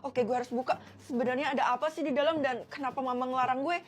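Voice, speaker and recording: High-voiced young woman doing comic POV skits. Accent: Indonesian, Jakarta slang. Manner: switches quickly between characters, playful and expressive. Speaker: content creator. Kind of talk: comic POV skits, one performer voicing all roles.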